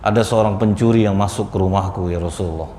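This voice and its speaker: A preacher voicing a frightened young widow who pleads softly in a lowered, hushed voice. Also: male voice, fast talker, a little hiss or hum, close to an everyday voice. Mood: fearful pleading. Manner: soft, subdued, pleading. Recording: echoey mosque hall.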